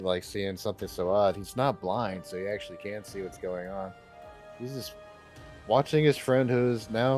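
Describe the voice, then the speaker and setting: A man narrating as game master of a tabletop game, amused and lively. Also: medium pitch.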